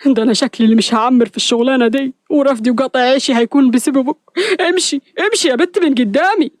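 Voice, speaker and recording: A woman's voice: high voice, very fast, no room sound, clean studio sound, natural voice. A woman voicing a grumpy middle-aged uncle who grumbles curses and scolds his niece. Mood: exasperated.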